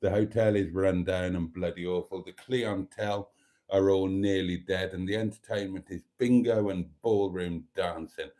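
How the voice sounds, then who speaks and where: Speaking low and mellow in a steady tone at normal speed, this British vlogger in his fifties chats casually on a live stream. He rambles with plenty of ums, is self-deprecating and calls his viewers darlings.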